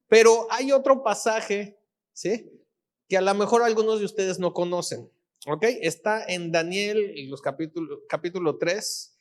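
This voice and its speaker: Man preaching with a Mexican accent. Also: on the high side. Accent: Mexican Spanish. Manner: casual storytelling, acting out dialogue with asides to the congregation. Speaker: pastor. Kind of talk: sermon.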